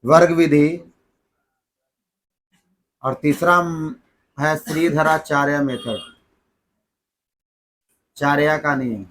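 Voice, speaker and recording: Male teacher, slightly high voice, call-and-response classroom style. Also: steady tone, drawn-out words, long pauses, fairly bright tone, rough recording. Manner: keeps quizzing the class, then answering himself. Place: classroom with students.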